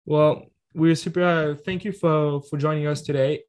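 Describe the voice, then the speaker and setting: A man's voice: on the high side, fairly even intonation, moderate pace, darkish tone. A man co-hosting a casual podcast interview, asking questions hesitantly with fillers. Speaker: podcast co-host.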